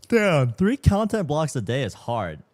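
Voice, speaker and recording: A man's voice: fairly high pitch, mellow. A man in his mid twenties, chatting casually as a livestream host, slangy and swearing freely, sounding tired. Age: 20s. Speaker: streamer.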